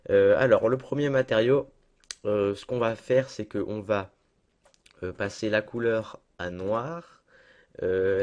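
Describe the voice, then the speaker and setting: A young man walks viewers through a software tutorial in a loose, chatty way. He fills pauses with hesitations and pokes fun at himself. He speaks into a desktop mic at his computer. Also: lowish voice. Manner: chatty, self-deprecating, lots of fillers. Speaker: tutorial maker. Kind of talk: casual screen-recorded software tutorial.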